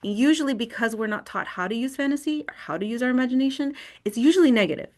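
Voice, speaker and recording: A woman's voice: fairly high pitch, animated, fast talker, darkish tone. A woman leading an online wellness workshop in a screen recording of a video call. She talks conversationally and often checks in with "right?".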